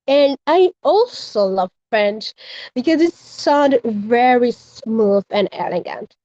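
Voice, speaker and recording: A woman's voice: on the high side, animated, takes it slowly, mellow, no room sound, lo-fi sound. A young Haitian woman, raised in the Dominican Republic, earnestly giving her answer in a live debate over a video call. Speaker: student participant.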